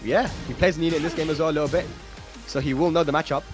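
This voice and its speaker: A man commentating live on a fighting game tournament as an esports caster, with hype delivery and drawn-out exclamations. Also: fairly high pitch, steady tone. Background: music.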